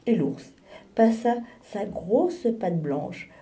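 A woman reading a children's story aloud in a gentle, expressive storytelling voice. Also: medium pitch, extremely slow, recorded from a distance.

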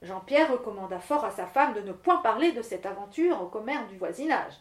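A woman narrating a fairy tale in steady, expressive storybook reading. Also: medium pitch, a little fast, roomy sound.

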